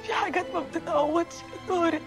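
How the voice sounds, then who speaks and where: A heartbroken, tearful betrayed wife. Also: female voice, extremely high pitch, steady tone, fast. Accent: Egyptian. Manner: tearful, despairing. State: crying. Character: heartbroken woman betrayed by her husband. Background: music score.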